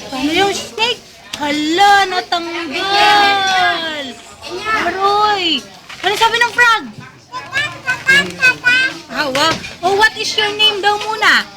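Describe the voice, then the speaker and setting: A woman's voice: very high voice, slow. A woman filming her toddler at home-video style, coaxing and playfully prompting the child over and over. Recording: loud street noise and crowd chatter.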